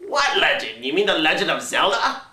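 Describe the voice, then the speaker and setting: Comedy villain, man performing: gloating undead doctor, exclamatory, sharp and forceful, recorded distant in a reverberant room. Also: a little high, sing-song, fairly quick, full character voice. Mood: incredulous. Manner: theatrical, exclamatory. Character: gloating undead comic supervillain doctor, short-tempered. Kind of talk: scripted comedy sketch. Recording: echoey room, distant microphone.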